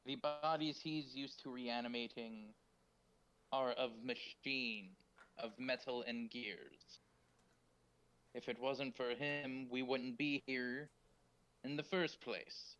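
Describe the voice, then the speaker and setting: A man voicing a formal, measured bureau envoy from a bygone era in a tabletop game. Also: mid-range voice, fairly even intonation, fairly bright tone, smooth, dull audio. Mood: measured, diplomatic.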